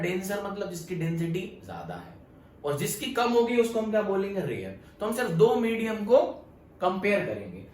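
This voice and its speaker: A man's voice: sits high, a little hiss or hum. A young man teaching physics to a class, mixing Hindi with English and often checking "yes or no?" with his students. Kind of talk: classroom lecture. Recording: echoey room, voice from far off.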